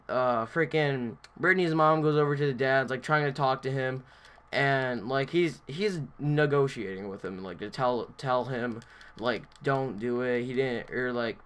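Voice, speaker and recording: A man's voice: mid-range voice, fairly bright tone. A young man vlogging, telling a story in a rambling, casual way with lots of filler words.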